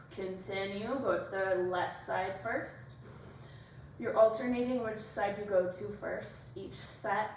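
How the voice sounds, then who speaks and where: A woman leading an exercise class as instructor, giving brisk, directive cues and counts in short imperative phrases. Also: medium pitch. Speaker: workout instructor. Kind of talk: exercise class coaching, cueing moves and counts. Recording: echoey room, distant mic, faint noise.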